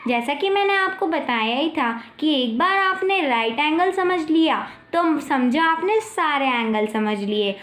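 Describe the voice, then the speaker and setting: A young woman explaining maths in a friendly, playful way, reading definitions slowly. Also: sits high, fairly bright tone. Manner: friendly and playful, slow careful English definitions. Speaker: maths teacher. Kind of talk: chatty classroom explanation.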